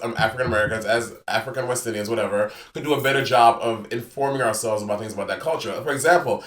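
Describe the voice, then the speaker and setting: A man from Cameroon co-hosting a podcast in casual chat, blunt, quick to challenge and profane. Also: medium pitch, a bit bright. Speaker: podcast co-host. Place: home in New York, remote call. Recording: echoey room, off mic.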